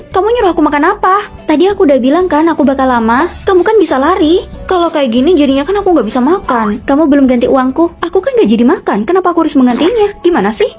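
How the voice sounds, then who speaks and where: A young woman voicing bickering female college roommates in a dubbed short drama, with a quick, snappy, sassy delivery. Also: high voice, darkish tone. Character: bickering young women college dorm students.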